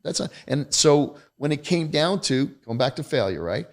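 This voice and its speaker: Gravelly middle-aged man, blunt and candid. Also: on the high side, big pitch swings, moderate pace. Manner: emphatic, blunt, self-deprecating. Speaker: podcast guest, retired federal agent. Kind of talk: candid conversational storytelling.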